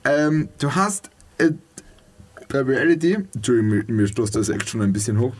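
Guest, man, rambling and teasing, lively pitch, faint hiss on the recording. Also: normal speed. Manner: rambling, laughs a lot, teasing. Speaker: podcast guest. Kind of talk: casual chat.

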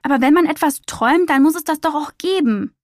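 A woman's voice: high-pitched, lively intonation, moderate pace, no echo, clean studio sound, voice pushed up. A woman voicing a small, hopeful, dreamy male penguin in a storybook reading, with an eager, pleading manner.

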